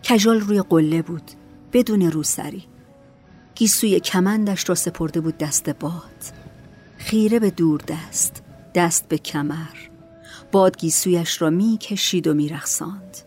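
A woman narrating a novel in a calm, measured voice. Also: fairly low pitch, faint music behind. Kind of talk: storybook narration.

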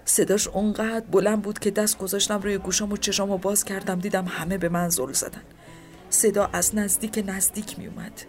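A woman telling a first-person story in a subdued, grieving manner, at times dropping to a whisper. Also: medium pitch. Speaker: narrator. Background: soft background music.

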